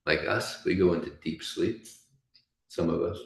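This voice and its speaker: A deep-voiced man with a gravelly edge gives a relaxed scripture class, telling stories and laughing softly as he goes. His talk echoes through a roomy space. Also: moderate pace. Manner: chatty storytelling with frequent soft laughs. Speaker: devotional class speaker.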